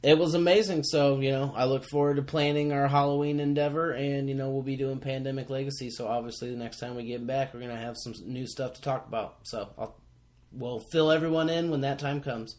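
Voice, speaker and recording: Here a podcast co-host in his thirties chats casually, rambling eagerly and filling gaps with many fillers. His medium-pitched, slightly mellow voice moves fairly quickly with fairly even intonation, in a room with noticeable echo.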